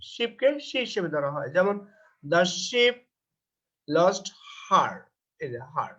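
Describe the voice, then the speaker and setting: A Bangladeshi man teaching English grammar in a recorded lecture. He reads textbook lines slowly, then explains them and answers his own questions. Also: high-pitched, a bit bright. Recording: dull lo-fi recording.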